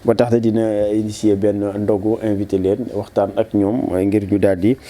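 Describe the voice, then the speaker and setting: Very dark-voiced man. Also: lowish voice, flat delivery. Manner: hesitant, many fillers and pauses. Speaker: political commentator. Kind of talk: political discussion.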